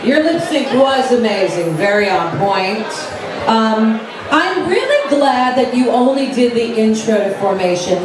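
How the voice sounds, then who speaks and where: A blunt talent show judge, this woman has a fairly high voice and gives effusive, sweary critiques off the cuff. She is heard far from the mic in a very echoey venue. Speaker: drag show competition judge. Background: crowd noise.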